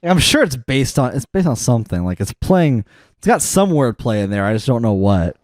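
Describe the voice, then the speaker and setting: A man's voice: medium pitch, big pitch swings, normal speed, darkish tone, no room sound, studio quality. A man co-hosting a podcast in casual chat, rambling with lots of fillers and restarts. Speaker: podcast co-host.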